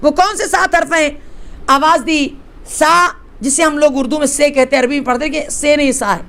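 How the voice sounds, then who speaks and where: Woman preacher from hyderabad, pretty high voice, tells the story with big swings from soft to loud, keeps asking the crowd questions. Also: steady tone. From Hyderabad, India. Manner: impassioned, swings between hushed and rising exclamations; addresses listeners directly with rhetorical questions. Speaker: religious scholar. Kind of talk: religious majlis sermon, storytelling.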